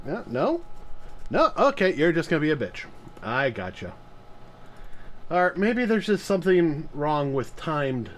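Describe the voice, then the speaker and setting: A man's voice: on the high side, fairly bright tone. A man hosting a live game stream, chatting casually in a rambling way and laughing often. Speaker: streamer host.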